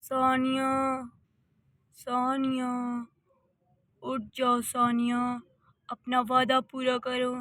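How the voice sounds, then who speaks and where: A woman voicing a stern male tree spirit who gives slow, low commands in a cartoon story. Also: monotone, a bit bright, dry recording, studio quality, exaggerated voice. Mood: eerie.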